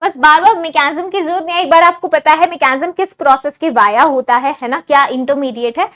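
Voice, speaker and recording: Speaking fast in a high, fairly bright voice, this Indian chemistry teacher delivers an online exam-prep lecture. She blends English phrases into her Hindi and keeps checking in with students to ask if everything is clear.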